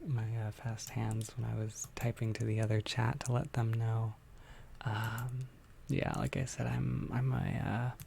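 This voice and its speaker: A young adult ASMR host talks casually to a livestream, mostly whispering. The voice is soft and very gravelly with heavy creak, halting and informal, with small clicks from a tongue piercing. A faint noise sits behind it. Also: medium pitch. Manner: soft-spoken, hesitant, informal. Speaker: ASMR content creator hosting a livestream.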